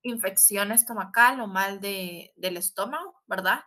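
Explaining things in Spanish, a woman teaches English during a recorded online lesson, slowly modeling words and using tag questions. Her voice is mid-range and bright.

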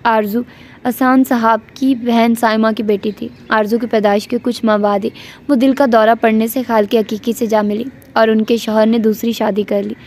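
A woman's voice: on the high side, little pitch movement, moderate pace, darkish tone, a little hiss or hum. A woman reading a romantic novel aloud as an audiobook, speaking both the narration and every character's lines herself. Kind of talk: storytelling narration with character voices.

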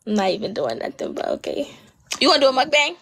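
A woman's voice: sits high, wildly swooping pitch, creaky, a bit bright. A young woman, chatting playfully and teasing her co-host on a livestream. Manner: playful, teasing, quick to laugh. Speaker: TikTok live co-host. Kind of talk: casual chat.

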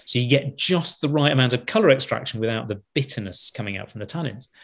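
A man, a wine expert, telling a lively anecdote on a podcast, acting out other people's lines and laughing as he goes. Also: mid-range voice, quick pace. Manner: animated storyteller, acts out quotes, laughs mid-sentence.

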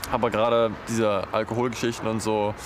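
A man's voice: on the low side, flat delivery, brisk, slight background noise. A man in his twenties, a trainee paramedic, speaking hesitantly in an interview. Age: 20s.

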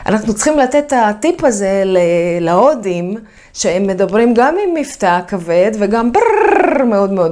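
A woman who teaches English, giving a video lesson about accent in a lively, emphatic way and repeating her key points. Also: medium pitch.

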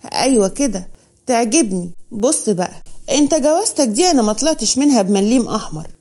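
Woman reading cold blackmailing woman, haughty, high mellow voice. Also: lively intonation, fast, slightly rough.

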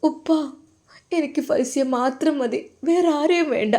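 A woman voicing a shy young woman who speaks in a hushed, trembling voice. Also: sits high, unhurried, pitched above the performer's own voice. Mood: tearful.

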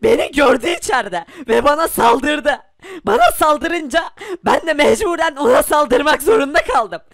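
A man's voice: extremely high pitch, big pitch swings, moderate pace, creaky, fairly bright tone, no echo, clean studio sound, exaggerated voice. A man voicing a panicky, tearful poor young man who talks in a breathless, pleading way, crying through his words. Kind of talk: hobby animation voice acting.

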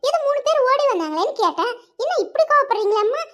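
A woman plays a nosy young gossip from a cartoon village, with a very high, thin voice. She coaxes and pries, eager for news. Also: very animated, quick pace, fairly bright tone, exaggerated voice. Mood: placating. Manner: coaxing, prying. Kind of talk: cartoon voice acting.

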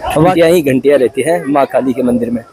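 A young man from Uttarakhand, India, narrates a casual travel vlog outdoors at hill temples and a riverside. His mid-range voice is warm and quick, with a little hiss or hum, as he chats and points out sights to viewers.

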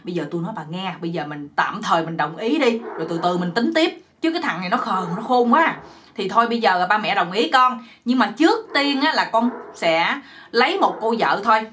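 A woman's voice: mid-range voice, lively intonation, brisk, a bit bright, slight background noise, lightly acted. A woman doing a fretful rich old village father. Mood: worried. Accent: Southern Vietnamese. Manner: fretful, earnest.

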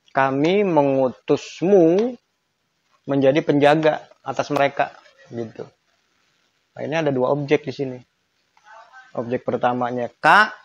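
A man's voice: mid-range voice, no room sound, muffled recording. A man giving a conversational online lesson on Quran grammar, emphatic and acting out intonation examples.

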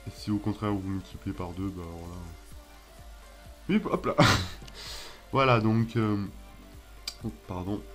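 A young man with a French accent hosting a casual software tutorial, hesitant and self-mocking, with many fillers and restarts. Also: fairly low pitch, fairly even intonation, a little slow, pauses often, soft background music. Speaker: tutorial host. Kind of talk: casual screen-recorded tutorial.

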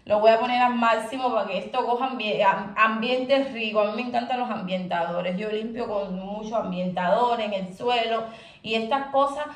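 A woman's voice: fairly high pitch, moderate pace. A young woman from Cuba with a Cuban Spanish accent, chatting expressively to her viewers at home and calling them "my love". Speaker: vlogger. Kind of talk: casual chat to camera. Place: at home, indoors. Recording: echoey room.

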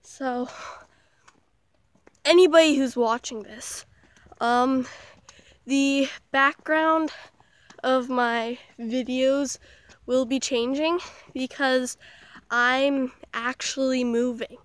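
A young woman from Canada, hoarse with the flu, chatting in a self-mocking way as she vlogs outdoors. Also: sits high, steady tone, very slow, long pauses, dry recording. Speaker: vlogger. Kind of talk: casual vlog while walking outdoors. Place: outdoors in a small town.

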